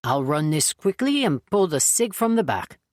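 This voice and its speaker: A woman's voice: low voice, very animated, normal speed, darkish tone, no echo, studio quality. A woman narrator voicing a kindly, polite middle-aged male gun shop clerk in an audiobook. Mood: friendly. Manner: polite, helpful.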